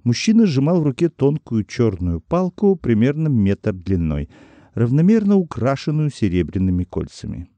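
A male audiobook narrator reads in an expressive storytelling manner, his voice very dark and mellow with a lively, wide-ranging pitch. The recording is close and dry. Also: moderate pace, no room sound.

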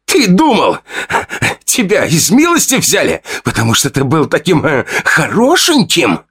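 A man voicing a vicious teenage boy bully with a hoarse, spitting snarl. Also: on the high side, sing-song, measured pace, a bit bright, pitched above the performer's own voice, full character voice. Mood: snarling, taunting.

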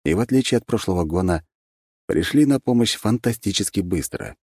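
Male audiobook narrator, measured and even, low voice, dry booth. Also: husky, no echo. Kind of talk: scripted narration.

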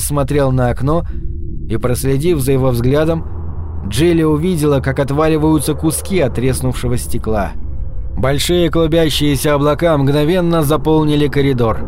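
A man narrating a science fiction audiobook in an even, measured reading style. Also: on the high side. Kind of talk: scripted narration.

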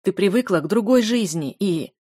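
A woman voicing a cold, aloof young male dark mage who speaks curtly and dismissively. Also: medium pitch, expressive, moderate pace, husky, no room sound, studio quality. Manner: curt, dismissive, restrained.

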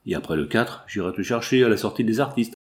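A man's voice: lowish voice, lively intonation, fast talker, natural voice. A man voicing a self-assured Parisian man-about-town, jovial, coaxing and bluff.

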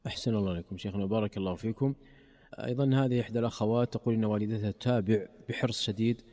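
A male radio host speaks formal Standard Arabic at a brisk pace. His voice is mellow and mid-pitched, with a courteous delivery. The sound carries a long reverberant tail. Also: fairly even intonation. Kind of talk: formal Standard Arabic presenting, reading listener questions.

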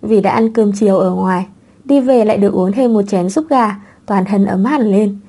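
Narrator nữ giọng trầm ấm. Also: female voice, medium pitch, moderate pace, warm tone, slightly rough. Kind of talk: audiobook narration of a web novel.

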